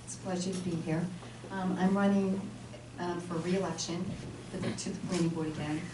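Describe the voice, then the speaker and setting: A woman with a lowish voice gives a measured, gracious candidate speech, and her intonation stays flat throughout. She is heard from a distance in an echoing room, with clear background noise. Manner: gracious, measured, level delivery. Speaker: candidate for planning board. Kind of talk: candidate speech at a public forum. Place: community meeting room. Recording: echoey hall, mic far off, noisy.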